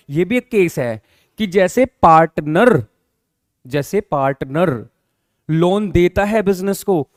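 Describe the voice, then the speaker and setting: A man's voice: high voice, darkish tone, no room sound, studio quality. A man teaching a commerce class who explains rules and acts out little exchanges between business partners, switching his talk. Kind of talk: classroom lecture.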